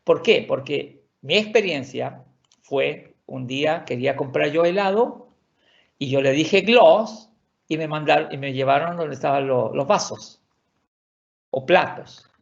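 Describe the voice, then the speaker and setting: Man, online language teacher, patient, repetitive explainer; gravelly, dull lo-fi recording. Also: on the high side, unhurried. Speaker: Swedish teacher. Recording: dull lo-fi audio.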